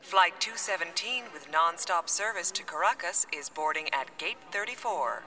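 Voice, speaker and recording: A woman's voice: fairly low pitch, expressive, moderate pace, bright, forceful tone, distant mic, soft background music. A woman voicing a formal, matter-of-fact boarding announcer in a scripted airport announcement. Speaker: airline announcer.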